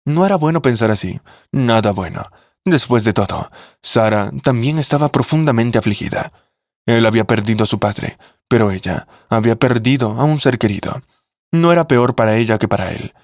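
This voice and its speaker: A man narrating a family drama story in a steady, measured way. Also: mid-range voice, dry recording, studio quality.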